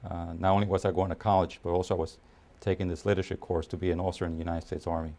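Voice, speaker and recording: In a documentary interview, an army officer in his fifties talks in a deep, warm voice with a flat delivery. He's from Puerto Rico but grew up in New York City, and he speaks in a measured way, pausing often and using fillers.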